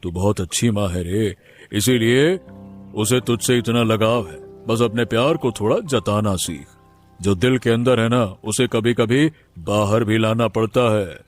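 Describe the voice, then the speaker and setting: A man voicing a kindly, wise neighbour uncle in an animated story, gentle and consoling. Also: fairly low pitch, a little slow, faint music behind, lightly acted. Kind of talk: Hindi cartoon voice acting.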